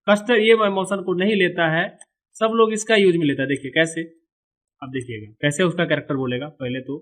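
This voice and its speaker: A man from India giving a step-by-step animation software tutorial, pausing on "okay" between steps. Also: fairly high pitch. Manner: explanatory, keeps saying "okay" between steps. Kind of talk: screen-recorded software tutorial.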